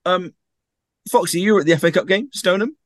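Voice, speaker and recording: A man's voice: high voice, fast talker, no echo, studio quality. A man hosting a casual football podcast, upbeat and jokey as he steers the chat, just back from being ill. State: just recovered from illness. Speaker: podcast host.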